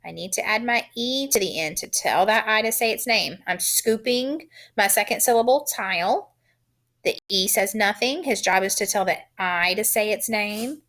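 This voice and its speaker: A woman teaching a phonics lesson, sounding out letters and syllables in a deliberate, encouraging way. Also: medium pitch, expressive, a bit bright.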